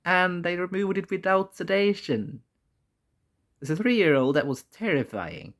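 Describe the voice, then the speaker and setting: A man talking casually and candidly in a personal vlog, halting often and swearing mildly. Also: high voice, lively intonation, fairly bright tone. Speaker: vlogger.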